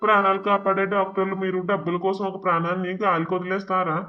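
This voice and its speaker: A man's voice: high voice, flat delivery, quick pace, lo-fi sound, lightly acted. An actor voicing a poor young village husband pleading and arguing for his sick wife in a cartoon drama. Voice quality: pleading, emotional.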